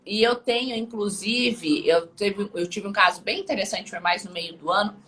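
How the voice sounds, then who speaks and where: A woman guest in a relaxed interview, speaking with a bright, forward tone. She rambles in a friendly way and keeps checking in with her listener. Her pitch sits in an ordinary middle range. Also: moderate pace. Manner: chatty, tags sentences with "tá?" and "né?". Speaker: audiologist guest. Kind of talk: casual interview talk.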